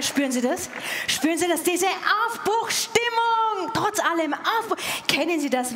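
A woman's voice: extremely high pitch, background noise. A Viennese woman in her forties doing ironic stand-up cabaret on a large open-air stage, on a headset mic. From Vienna, Austria. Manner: ironic, quick-witted. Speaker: cabaret performer.

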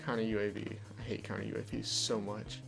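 A young man gives casual, chatty commentary over his gameplay, explaining tips as he plays. His deeper voice is delivered flatly and quickly with vocal fry, captured on a desk condenser mic with soft background music behind him.

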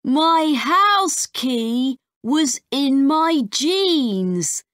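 A woman voicing a worried, earnest young boy in a slow storybook voice. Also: high voice, animated, fairly bright tone, no room sound, clean studio sound, pitched above the performer's own voice, exaggerated voice.

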